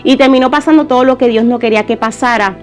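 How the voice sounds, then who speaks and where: A woman's voice: fairly high pitch, quick pace, soft background music. A woman giving an earnest, conversational personal testimony in church.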